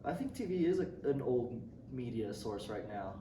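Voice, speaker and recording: A young Indonesian man, a student being interviewed, answers questions casually with plenty of ums, restarts and light laughter. His mid-range voice swings widely in pitch at a moderate pace, captured by a distant mic in a roomy, noisy space.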